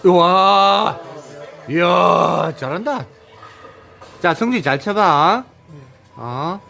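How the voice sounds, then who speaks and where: A man's voice: sits high, animated, extremely slow, creaky, bright, forceful tone. A man instructing and cheering people on during a video game, with short repeated calls and a lot of laughter. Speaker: activity instructor.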